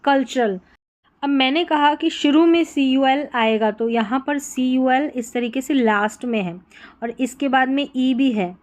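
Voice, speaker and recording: A woman's voice: high-pitched, unhurried, a little mellow. Hindi-accented woman teaching English spellings. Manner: repeats each word with a quizzing "what happened?". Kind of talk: explaining spelling patterns.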